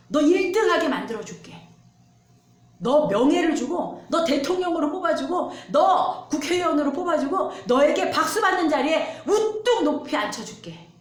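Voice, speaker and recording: A coaxing, boastful male devil, as a woman preacher puts him on, daring and tempting in a high, swooping voice. He taunts with lively rises and falls. A roomy church echo hangs around every word.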